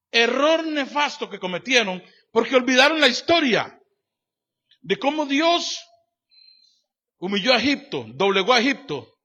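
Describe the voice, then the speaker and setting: A man preaching a sermon as pastor, emphatic and repetitive, swinging between loud declarations and quiet asides, speaking straight to the congregation with rhetorical questions. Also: very high voice. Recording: dull lo-fi church sermon recording.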